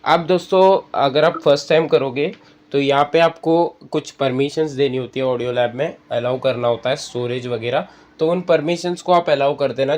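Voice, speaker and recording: A man with a mid-range, slightly mellow voice hosts a spoken tutorial for a screen-reader app, walking viewers through it step by step and calling them friends.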